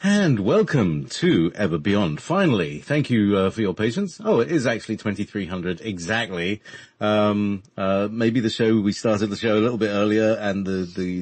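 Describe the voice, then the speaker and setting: A man hosting a casual, rambling talk show, haltingly searching for words, who cannot say R properly and says w for r. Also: on the low side, slightly rough, dry recording. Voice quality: trouble saying R, says w for r. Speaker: radio show host.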